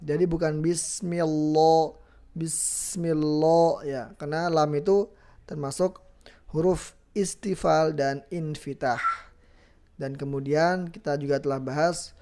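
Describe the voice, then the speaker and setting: A Quran recitation teacher giving a tajwid lesson. The teacher explains the letters patiently, repeats each sound slowly, and chants drawn-out recited examples. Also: mid-range voice, steady tone, a little mellow.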